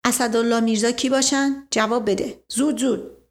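A woman voicing a bullying, suspicious male police inspector who barks orders and keeps demanding quick answers. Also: a little high, steady tone, lightly acted.

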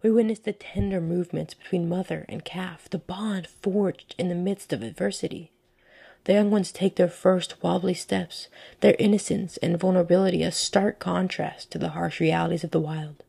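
A woman hosting a podcast in the style of a scripted nature documentary, with earnest, descriptive and measured storytelling. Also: fairly low pitch, steady tone, vocal fry, warm tone, husky. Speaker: podcast host.

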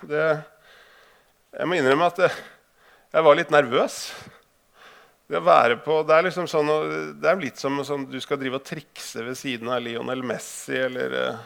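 A man with a gravelly, creaky voice at an ordinary middle pitch talks to an audience. He hesitates, fills pauses and restarts his sentences, then shifts into reading passages from his own book. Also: fairly even intonation, fairly bright tone. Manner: hesitant, many filler sounds and restarts when speaking freely. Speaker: author giving a talk. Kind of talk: live talk mixing casual storytelling with reading aloud from his book.

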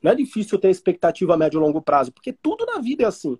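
A man's voice: high voice, huge pitch swings, racing, warm tone, slightly rough. A man with a Brazilian Portuguese accent, a trading teacher chatting casually and explaining through everyday analogies. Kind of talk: casual podcast chat.

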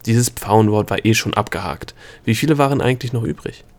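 A man reading a fantasy novel aloud as narrator, calm and even in his storytelling. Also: lowish voice, a little fast. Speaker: audiobook narrator. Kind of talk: scripted narration.

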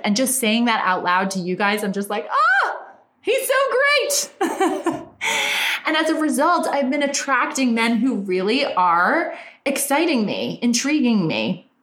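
A woman's voice: medium pitch, fairly bright tone. Chatty Valley Girl woman coach. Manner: chatty and emphatic, repeats words for stress. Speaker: relationship and business coach. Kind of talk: motivational monologue. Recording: roomy echo.

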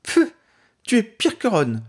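A man's voice: huge pitch swings, takes it slowly, heavily acted. A man reading aloud, voicing a patient, self-assured young woman in a fan-read story. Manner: raised pitch, patient and sure.

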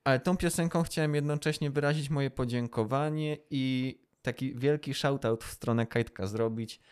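A man's voice: mid-range voice, normal speed, darkish tone, clear, resonant tone. A man co-hosting a podcast, chatting casually, explaining things and joking along. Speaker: podcast co-host. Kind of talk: casual improvised chat.

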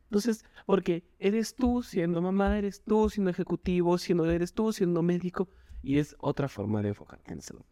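A man, a doctor and Zumba instructor, talking with animated energy in a podcast interview, acting out quotes in a higher voice. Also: moderate pace, dry recording, studio quality. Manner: animated, jumps in pitch when quoting people. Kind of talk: enthusiastic interview talk.

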